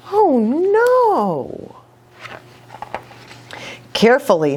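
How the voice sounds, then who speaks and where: A woman who is a pastor and children's storybook reader reads a story aloud in a high, slightly mellow voice. She reads expressively and slips in little asides for young listeners.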